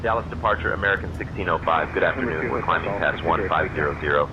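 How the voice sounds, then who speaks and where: Very deep, brisk male copilot on the radio. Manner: clipped, procedural. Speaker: airline first officer on radio. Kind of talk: radio readbacks to air traffic control. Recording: dull, noisy cockpit radio audio.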